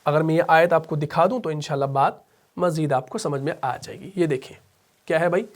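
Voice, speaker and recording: A man with a fairly high voice and a Pakistani Urdu accent teaches Quran recitation. He explains each rule patiently, posing questions and answering them himself. He chants the example verses slowly and melodically. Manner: patient, asks and answers his own questions. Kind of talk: tajweed lesson with recited examples.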